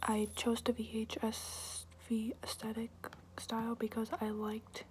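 A young adult woman whispering softly and close up in a hesitant, rambling, casual ASMR question-and-answer style. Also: on the high side, monotone, a little slow, slight background noise. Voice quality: breathy, unvoiced whisper. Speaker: ASMR video creator. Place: small room indoors, at home.

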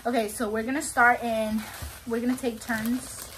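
Young woman, slightly high voice, casual vlog chat, faint background noise. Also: level tone, normal speed, fairly bright tone, rough recording. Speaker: channel co-host. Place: small bedroom, indoors.

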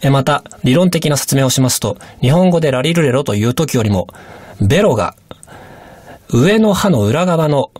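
Man for a radio language lesson: polite, measured teacher, animated pitch, dry close sound. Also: no room sound.

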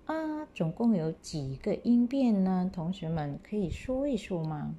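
A woman teacher from Malaysia, reading example words slowly and clearly for pupils to repeat. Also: lowish voice, very animated, dark tone. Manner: slow, drawn-out model reading for pupils to repeat. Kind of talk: slow classroom pinyin lesson.

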